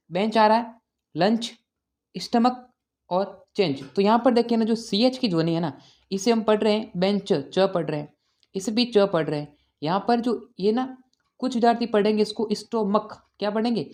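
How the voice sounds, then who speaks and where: A man's voice: high voice, darkish tone. A man teaching an exam-prep video lesson, repeating points and asking and answering his own questions.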